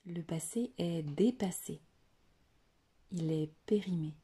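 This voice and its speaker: A woman guides a yoga nidra meditation, her lowish voice soft and breathy, often close to a whisper. She sounds soothing and deliberate and leaves long pauses.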